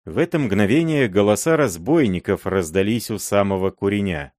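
A man narrating classic prose in an expressive, dramatic storytelling way on a close mic. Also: lowish voice, moderate pace, no room sound. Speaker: audiobook narrator. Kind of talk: audiobook reading of classic prose.

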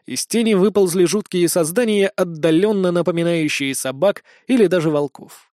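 A man narrating a first-person audiobook in a steady storytelling way, with dry curt lines for the hero. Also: high-pitched, normal speed, no room sound.

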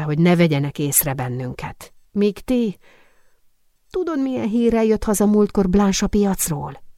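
Earnest young perfumer woman, gentle and pleading, read by a woman; low, warm, dry. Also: no echo, natural voice. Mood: worried.

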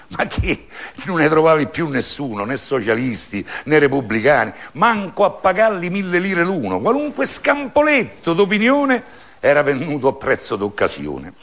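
Lively man reciting a poem. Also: on the high side, creaky. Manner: storytelling recitation with lively swings of tone.

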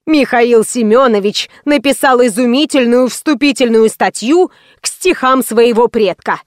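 A woman's voice: fairly high pitch, unhurried, no room sound, studio quality, close to an everyday voice. A woman doing a haughty, stern lady writer. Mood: lofty. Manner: cold, curt, disdainful.

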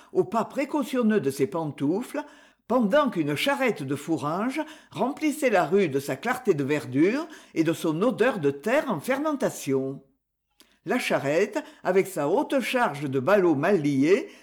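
A woman narrating a classic novel as an audiobook, reading in an unhurried, expressive way. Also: on the low side.

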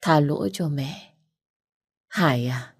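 A dying old mother pours out a halting, remorseful confession in an audiobook scene, voiced by a woman narrator. The voice sits low in pitch, and the words come with tears. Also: husky, full character voice. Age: older. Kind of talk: audiobook character reading.

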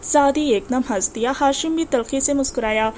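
High-voiced woman narrating a novel. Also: darkish tone, slight background noise. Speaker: audiobook narrator.

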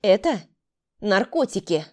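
A woman's voice: medium pitch, very animated, a little slow. A woman voicing a stern older sister, a doctor, who interrogates and gives orders in a raised voice. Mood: accusing. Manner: commanding, interrogating.

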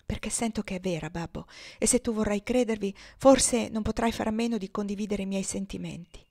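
A gentle, sickly young girl from an old novel, as a woman reader puts her on. Her voice stays soft and earnest, quietly pleading. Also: medium pitch, a little fast, creaky.

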